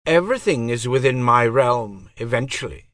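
A man's voice: mid-range voice, animated, moderate pace, a bit bright, no echo, clean studio sound, pitched above the performer's own voice, close to an everyday voice. A man voicing a cold, commanding goddess of death who speaks in solemn pronouncements. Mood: icy, solemn.

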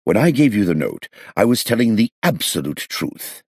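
A man voicing an excitable elderly male illusionist who talks in a theatrical, flustered way and drops French phrases. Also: fairly low pitch, normal speed, slightly rough, no room sound, studio quality, pitched above the performer's own voice. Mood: agitated. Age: older.

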